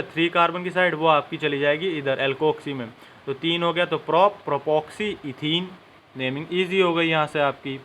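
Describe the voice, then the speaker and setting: A man's voice: fairly high pitch, sharp tone, a little hiss or hum. A young man teaching a chemistry lesson step by step and speaking directly to his students. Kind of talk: classroom-style lesson.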